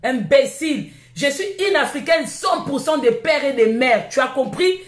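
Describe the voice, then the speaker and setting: A woman's voice: high voice, animated, normal speed. A woman from Congo with a Congolese French accent, hosting her live stream in a heated, scolding rant full of insults. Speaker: livestream host. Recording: echoey room.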